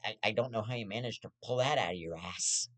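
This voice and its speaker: A man's voice: on the low side, fast talker, fairly bright tone. Young male host, profane rambling rant, stammers and restarts, half-serious. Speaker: host of his own commentary show. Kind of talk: ranting casual commentary.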